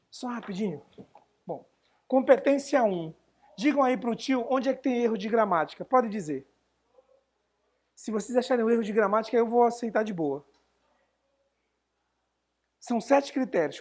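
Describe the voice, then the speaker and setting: A man with a very high voice teaches an essay-writing class live online. He chats casually and answers viewers' questions as he goes.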